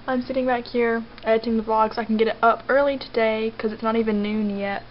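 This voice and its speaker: A woman's voice: fairly high pitch, steady tone, fast, lo-fi sound, background noise. Chatty young woman vlogging at home. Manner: chatty, talks baby-talk to her dog. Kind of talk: casual daily vlog. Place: at home, indoors.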